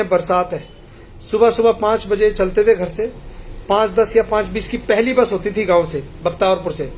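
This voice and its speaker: Earnest high-voiced man pleading with congregation. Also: a little hiss or hum. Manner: earnest, pleading, tells parables. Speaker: devotee addressing the congregation. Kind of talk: devotional appeal.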